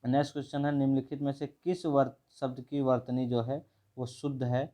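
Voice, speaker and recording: A man, teaching a brisk exam revision lesson and going through questions one by one. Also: mid-range voice, flat delivery, mellow. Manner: brisk, repeats each word and asks the viewer. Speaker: Hindi teacher.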